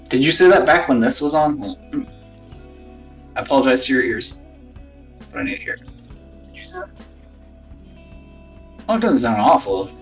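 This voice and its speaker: A man with a mid-range voice swings widely in pitch at a moderate pace, pausing often, as he chats casually on a live stream, rambling, swearing, self-mocking and frequently muttering under his breath. The mic is distant, a phone used as a wireless webcam mic, giving a boxy, inside-a-box speakerphone quality, with faint background music.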